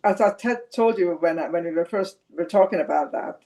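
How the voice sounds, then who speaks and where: An older woman from Switzerland talks with a podcast host about her life. Her voice is mellow and dark-toned, and she pauses on fillers as she gathers her thoughts. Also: fairly low pitch. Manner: chatty, with hesitant fillers. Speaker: podcast guest. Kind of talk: casual interview chat.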